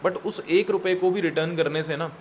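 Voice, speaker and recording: A man's voice: sits high, fairly even intonation, fairly quick, slight background noise. A man giving a motivational business talk, emphatic, repeating his key lines and mixing in English words. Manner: addresses viewers as guys. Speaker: network marketing business coach.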